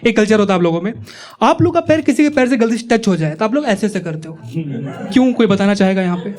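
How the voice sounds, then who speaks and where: A young man from Uttar Pradesh, India, does stand-up storytelling at a comedy club, chatting, teasing the audience and impersonating people in his tales. He speaks fast in a high-pitched, expressive voice, and the live show is full of audience laughter.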